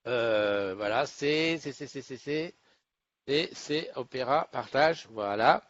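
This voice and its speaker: A man's voice: mid-range voice, slow, a bit bright. Host, man, rambling live-stream chat, muffled lo-fi sound. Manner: chatty, rambling, laughs often, many restarts. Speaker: host of a morning live show. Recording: dull lo-fi live stream audio.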